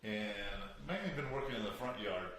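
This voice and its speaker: A man's voice: lowish voice, sing-song, moderate pace, a bit bright. A man hosting a show, chatting casually and rambling through a story with a joking, easygoing manner. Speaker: show host. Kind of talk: casual chat. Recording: echoey room with faint noise.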